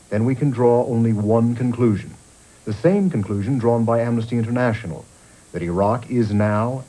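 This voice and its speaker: A man, a journalist, giving measured, grave documentary narration, heard from a worn VHS tape copy. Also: fairly low pitch, dark tone, low-quality recording. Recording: faint music underneath, worn tape.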